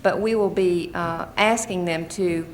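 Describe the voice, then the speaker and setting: In a Senate committee hearing room, a middle-aged American woman, a mother testifying for an advocacy group, gives earnest, explanatory witness testimony. Her lowish voice is steady and unhurried, captured in a noisy archival hearing-room recording.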